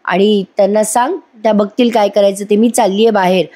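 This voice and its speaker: A woman voicing a composed young daughter-in-law, brisk and dismissive. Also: mid-range voice, fairly even intonation, mellow, lightly acted.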